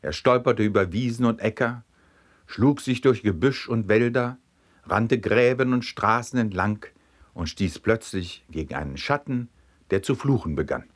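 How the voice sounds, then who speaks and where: A man narrating a series of scripted humorous anecdotes in a lively, animated reading. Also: on the low side, unhurried. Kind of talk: scripted storytelling of jokes.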